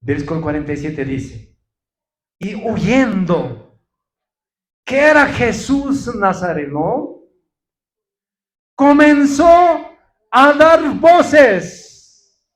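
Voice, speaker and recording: A man's voice: high-pitched, roomy sound. A male pastor preaching a sermon with emphasis, often calling out to his listeners and answering his own questions. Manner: emphatic preaching, often addresses the congregation as brothers; asks questions and answers them himself. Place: church.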